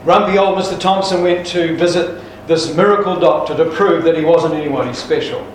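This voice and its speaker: A man's voice: fairly high pitch, fairly quick, a little hiss or hum. A man preacher delivering a sermon with jokes, folksy and emphatic, with restarts. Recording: echoey church hall from far off.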